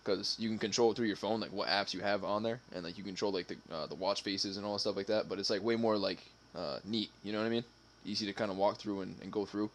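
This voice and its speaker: Low-voiced man in loose, profane chat. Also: fairly even intonation, fast, slight background noise. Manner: loose and profane, laughing, hesitant fillers. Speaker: stream co-host. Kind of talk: casual chat.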